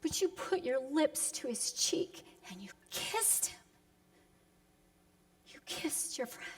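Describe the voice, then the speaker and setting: A woman preaches a solemn, dramatic, reflective sermon, deliberate and full of emphatic pauses, shifting between hushed and impassioned delivery. Her high voice swings widely in pitch. Long reverb echoes through the hall she speaks in.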